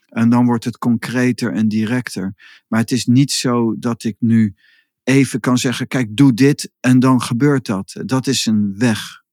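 A man co-hosting a podcast, explaining spiritual ideas in an unhurried, reflective way. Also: mid-range voice, steady tone, darkish tone, no room sound, studio quality. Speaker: podcast host. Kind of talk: casual podcast conversation.

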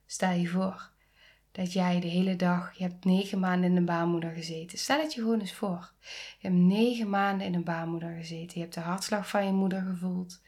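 A woman in her thirties hosting a podcast, speaking earnestly and intimately, often dropping into soft near-whispers and rising to emphatic pleas. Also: fairly low pitch, steady tone, fairly quick. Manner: rises to emphatic, pleading tones. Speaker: podcast host. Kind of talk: reflective podcast monologue.

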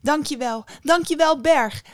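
A woman voicing a brave, desperate young woman who speaks high and loud in a storybook tale. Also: measured pace, no room sound. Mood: breathless joy. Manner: high, loud, breathless pleading.

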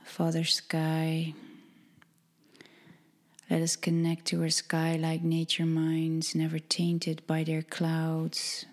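A woman leading a ritual invocation in a soft, breathy whisper, slow and meditative with long pauses. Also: low-pitched, completely flat delivery. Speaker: ceremony leader.

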